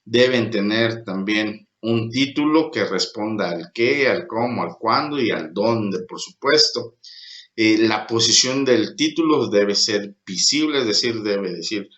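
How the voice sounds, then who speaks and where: A man giving a recorded lecture as a teacher, slow and halting, with many fillers. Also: on the low side, fairly bright tone, dull audio. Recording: echoey room.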